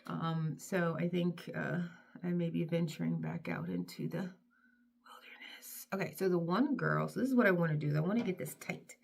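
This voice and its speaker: Gravelly low-voiced woman chatting casually. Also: lively intonation, brisk. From North Carolina. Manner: chatty, self-deprecating, drifts into soft mutters. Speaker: vlogger. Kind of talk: casual chat while styling her hair.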